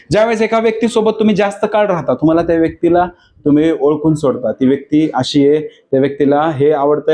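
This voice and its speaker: A man with a Marathi accent preaches in a high voice. He teaches with animated emphasis, switching into English phrases. He keeps asking his listeners whether they follow him. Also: poor audio. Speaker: pastor. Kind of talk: sermon.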